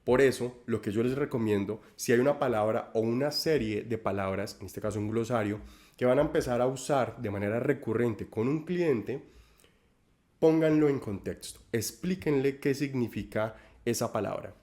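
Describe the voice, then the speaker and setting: A man's voice: mid-range voice, moderate pace, darkish tone. A man giving a corporate training talk, speaking directly to listeners with advice and correcting himself now and then. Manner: many self-corrections and repeated words.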